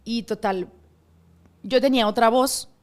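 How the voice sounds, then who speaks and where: A woman's voice: a little high, a little slow. A woman, a radio host telling her story as a guest in a casual interview and acting out other people's voices. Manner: animated, acts out quoted voices.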